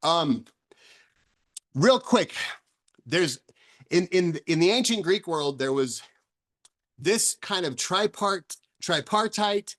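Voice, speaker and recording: This man, who writes and speaks about recovery, talks alone in a high, expressive, fairly bright voice, moving slowly with frequent pauses. Earnest and personal, he searches out loud, poses questions, and keeps restarting and repeating words mid-thought.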